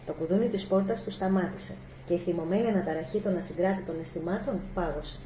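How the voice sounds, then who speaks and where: Mellow woman reading a story aloud. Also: lowish voice, slight background noise. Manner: steady storytelling. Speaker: narrator. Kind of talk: audiobook reading. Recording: echoey room, faint ambience.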